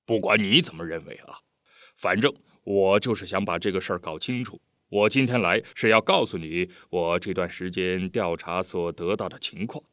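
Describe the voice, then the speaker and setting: Guy reading as a pushy chatty official, earnest, kinda low voice, dry sound. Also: normal speed, fairly bright tone, dry recording. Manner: earnest, pleading, talkative. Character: eager middle-aged official, persistent, chatty.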